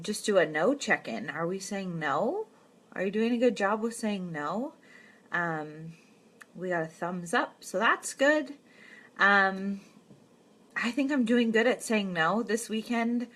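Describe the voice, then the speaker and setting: A woman's voice: mid-range voice, pushed and bright. A woman in her thirties hosting a casual live stream, chatting in an encouraging way with lots of "um"s. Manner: chatty, filler-heavy, encouraging.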